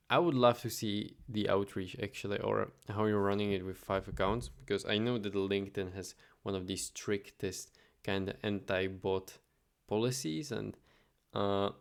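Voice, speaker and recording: A man with a low, gravelly voice who owns an automation agency chats casually in a screen-share vlog. He's relaxed and chatty, thinking aloud and using fillers as he goes.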